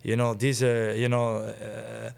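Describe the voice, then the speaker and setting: A man's voice: fairly low pitch, monotone, slow, vocal fry, darkish tone. A man in his forties, a guest telling stories in casual chat, eager and rambling with frequent chuckles. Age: 40s.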